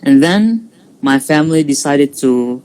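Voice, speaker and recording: In a casual interview streamed live, a student from Indonesia in his twenties tells his story with a halting delivery and many fillers and restarts. He has a fairly high, darkish voice and speaks expressively, over poor audio.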